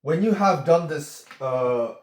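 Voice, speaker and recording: A man's voice: fairly high pitch, lively intonation, roomy sound. A man speaking as a relationship coach in an earnest coaching monologue, often checking in with "okay?". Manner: slow, earnest, repeats "okay?".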